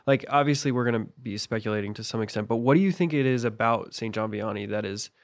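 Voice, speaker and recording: A man's voice: lowish voice, quick pace. A man co-hosting a podcast, reflecting aloud and asking his partner questions. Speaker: podcast co-host. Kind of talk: casual podcast conversation.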